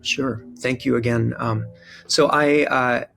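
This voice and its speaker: A man in his forties from Israel/Palestine, a priest speaking thoughtfully in an interview with frequent pauses and fillers. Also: mid-range voice, fairly even intonation, vocal fry, a bit bright. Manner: thoughtful, hesitant with many fillers. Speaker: Episcopal priest, guest. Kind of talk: interview conversation.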